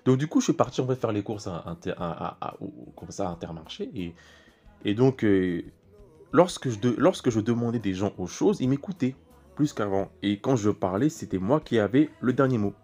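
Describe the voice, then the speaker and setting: Chatty young man preaching, low voice. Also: lively intonation, moderate pace, a little mellow. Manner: rambling, repeats words and restarts phrases often; talks straight to the listener, casual and chatty. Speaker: preacher styling himself a prophet. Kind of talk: informal spiritual teaching and personal testimony.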